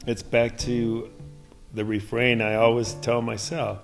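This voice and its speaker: A middle-aged man co-hosts a devotional podcast in an earnest, easygoing way, laughing often. His voice sits at an ordinary middle pitch for a man. Faint music runs underneath. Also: little pitch movement, measured pace, vocal fry. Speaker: podcast co-host. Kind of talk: devotional casual chat.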